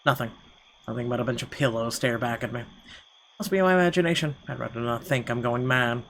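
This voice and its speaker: A gaming video host with a medium-pitched, fairly bright voice reads visual novel narration aloud a little fast and theatrically, stumbling over words now and then, with game music in the background.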